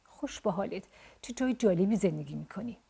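A woman voicing a gentle, shy and polite young boy in a storybook tale. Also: medium pitch, expressive, creaky, slightly rough, full character voice. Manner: soft-spoken and polite.

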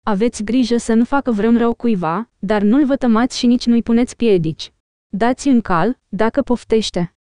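A woman reading the lines of a stern old king in an audiobook, measured and commanding. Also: a little high, mellow, clear, resonant tone, no echo, studio quality, close to an everyday voice.

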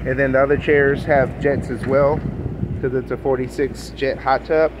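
With a phone camera in hand, a man circles the hot tub in his backyard, reviewing his own tub in a casual walkthrough. His mid-range voice keeps a fairly even intonation at a moderate pace, and he rambles, corrects himself, and fills gaps with fillers against a noisy background.

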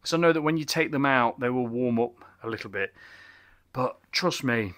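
Indoors in his small home bar cabin lined with bottle shelves, a middle-aged man reviews beer for a casual vlog. He talks enthusiastically and rambles, with many restarts and exclamations, in a mid-range, slightly bright voice at normal speed.

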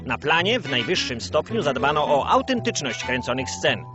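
A man's voice: fairly high pitch, sing-song, moderate pace. Man narrating like an old newsreel. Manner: grandiose, solemn and rousing. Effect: old communist-era newsreel narration. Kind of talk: scripted mock-propaganda narration. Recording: dull lo-fi sound under loud music.

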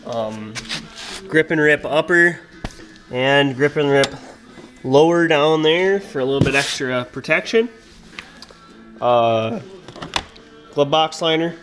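A man's voice: on the high side, over music. A young man from Minnesota walking through the upgrades on his snowmobile in a garage workshop, talking casually with lots of fillers and recorded on a head-mounted action camera. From Minnesota, USA. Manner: relaxed and unhurried, many "uh" and "um" fillers. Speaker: snowmobile vlogger.

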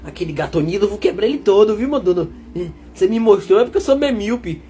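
A man voicing a brash, teasing male dog in a comic dub of animal videos, rowdy and quick to laugh. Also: high-pitched, animated, mellow, a little hiss or hum. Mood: boastful. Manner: swings between mock threats and joking.

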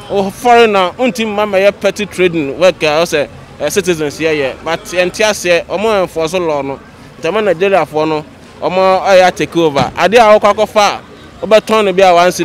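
A man's voice: high voice, brisk. A young man with a Ghanaian accent answering emphatically in a street interview, outdoors by a road on a handheld microphone. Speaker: market trader being interviewed. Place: outdoors at a busy roadside at night. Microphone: handheld reporter microphone held to his masked mouth.

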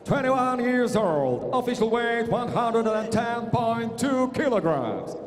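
Older man, boxing ring announcer, Russian accent, high pitch, formal showy delivery, handheld mic, echoing arena PA. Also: big pitch swings, faint music behind. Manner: showy announcer delivery with drawn-out, shouted fighter names. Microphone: handheld microphone over arena PA. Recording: echoing arena PA, long reverb.

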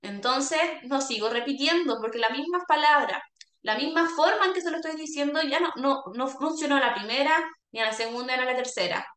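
A woman's voice: high-pitched, brisk, fairly bright tone. A woman, a speech therapist explaining to caregivers in a workshop and often checking in with a questioning "¿ya?". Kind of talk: workshop talk. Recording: echoey room.

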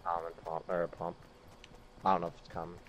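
Low-voiced, mumbling gamer guy. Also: completely flat delivery, quick pace, a bit bright. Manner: mumbled, offhand remarks. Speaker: gamer, squad mate. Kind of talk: casual gaming chat with friends. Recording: noisy voice chat recording.

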